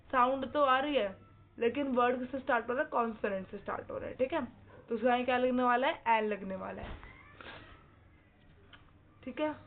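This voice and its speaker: Woman teacher on a tinny line. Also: a little high. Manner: slow, repeats words and asks the class questions. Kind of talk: explaining lesson. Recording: tinny, phone-like with faint noise.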